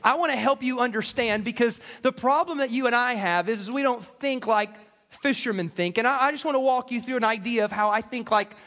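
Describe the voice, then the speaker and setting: An American man preaching a conversational sermon in a folksy, self-deprecating, animated way, repeating phrases for emphasis. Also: very high-pitched, brisk. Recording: reverberant large hall with PA.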